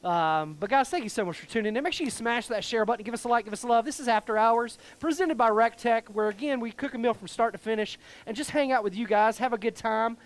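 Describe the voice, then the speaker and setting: Jolly, loud barbecue-dad show host, man. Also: extremely high pitch, quick pace, few pauses. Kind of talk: casual outdoor cooking show chat.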